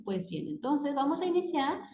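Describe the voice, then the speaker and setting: A woman's voice: high voice, sing-song, normal speed, a little mellow. A woman teaching a grammar lesson, patient and checking in with the class after almost every point. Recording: echoey room.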